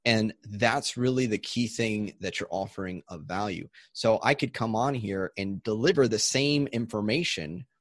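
A man's voice: on the low side, moderate pace, hardly any pauses, no echo, clean studio sound. A man talking as a guest in an interview, explaining his ideas with enthusiasm and a few restarts. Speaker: audiobook coach and guest. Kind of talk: conversational interview.

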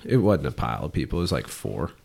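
A man's voice: very deep voice, very animated, quick pace, vocal fry, a little mellow, husky. Easygoing man telling fishing stories. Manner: rambling anecdotes with easy chuckles. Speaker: podcast guest, fishing guide. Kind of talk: casual storytelling chat.

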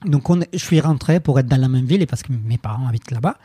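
Husky, deep-toned man. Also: mellow, no room sound. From Colombia. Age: 30s. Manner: halting, many restarts and fillers. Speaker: guest. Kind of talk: personal storytelling interview.

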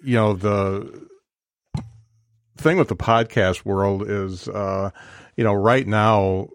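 A man's voice: fairly low pitch, steady tone, slow pace, no echo, studio quality. A man in his fifties hosting a podcast, talking casually in a rambling, self-deprecating way with many fillers. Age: 50s. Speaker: podcast host. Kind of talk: casual interview chat.

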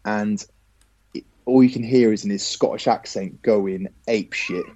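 A man, a professional footballer, telling a lively anecdote as a podcast guest, casually swearing now and then. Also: on the low side, normal speed, dull audio.

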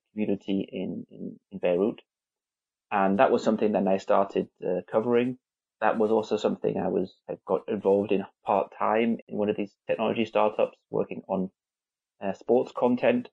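Guesting on a conversational interview podcast, an English newspaper visuals head in his forties speaks lowish with vocal fry and a breathy edge. His talk is full of restarts and fillers, and the sound is lo-fi.

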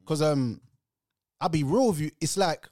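A man's voice: fairly high pitch, normal speed, mellow. A man with an urban London roadman accent and street slang, chatting casually and emphatically as a podcast host, often repeating himself. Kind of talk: casual, heartfelt chat.

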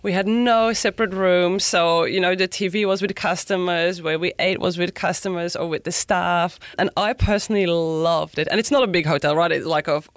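A woman's voice: lowish voice, steady tone, moderate pace, hardly any pauses, dry recording. Enthusiastic woman from Belgium, dry mic. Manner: enthusiastic, laughs often, tags sentences with "right?". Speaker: podcast guest, business founder. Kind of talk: casual interview chat.

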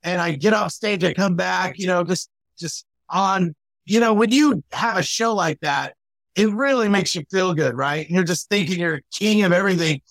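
Man, comedian, casual chat, filler-heavy, high-pitched voice, dry close recording. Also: moderate pace, creaky, a bit bright, dry recording. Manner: chatty, lots of "you know". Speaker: comedian guest.

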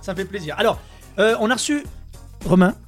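A man's voice: sits high, animated, brisk, over loud music. A young man co-hosting a casual chat show, joking and announcing in a radio style. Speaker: co-host.

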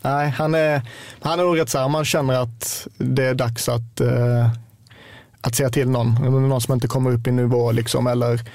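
A man with a Scanian Swedish accent, a football player chatting casually on a podcast and speaking in a relaxed, hesitant way with many fillers. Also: medium pitch, dry recording.

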